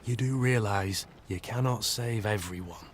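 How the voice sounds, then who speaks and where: A male narrator voicing a shrewd man who gives hushed, dry counsel in a game storybook. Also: fairly low pitch, measured pace, slight background noise, lightly acted. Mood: wary. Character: shrewd calculating male bandit advisor.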